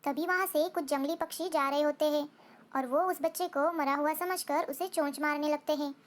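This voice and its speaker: A woman's voice: high-pitched, fairly even intonation, normal speed. A woman narrating a children's cartoon story in a simple, sing-song way.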